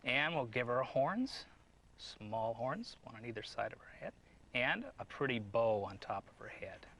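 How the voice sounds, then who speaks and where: A man leading a step-by-step drawing lesson in a gentle, encouraging way. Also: mid-range voice, lively intonation, unhurried, slight background noise. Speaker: drawing teacher.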